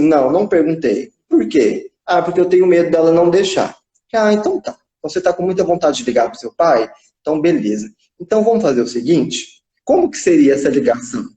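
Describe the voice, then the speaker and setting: A young man with a fairly high, mellow voice recounts a therapy session over a live stream. He slips into the quoted lines as he goes, and his phone sound carries the echo of the room around him. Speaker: psychodrama psychologist. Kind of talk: casual storytelling in a live chat. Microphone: phone on a live video stream. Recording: echoey room.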